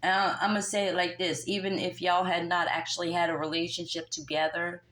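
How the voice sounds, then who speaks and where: Sassy low-voiced woman reading tarot. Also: a little fast. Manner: sassy, scolding, talks straight at the listener; animated, laughs and hums disapproving "mm-mm-mm". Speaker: tarot reader. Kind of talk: casual tarot reading to camera.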